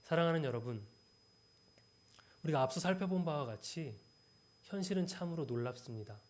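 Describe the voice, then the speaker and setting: A young man preaching a midweek church sermon, swinging between loud, emphatic lines and soft, tender passages. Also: fairly high pitch, animated, moderate pace.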